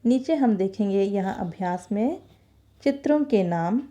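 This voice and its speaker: A woman's voice: mid-range voice, expressive, a little slow, dark tone. A woman teacher explaining a lesson patiently, repeating key words and slipping in English terms.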